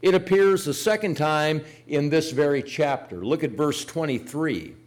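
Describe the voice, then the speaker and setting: Older guy preaching, kinda high voice, chatty storytelling that builds up to big points. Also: measured pace. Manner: folksy storytelling with emphatic rises. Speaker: pastor. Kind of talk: sermon.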